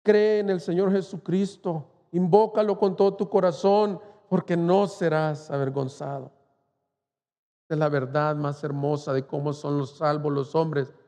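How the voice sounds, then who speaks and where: A man's voice: on the high side, steady tone, measured pace, dark tone, long reverb tail. A man pastor from Mexico preaching an impassioned sermon, rising to fervent cries. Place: church.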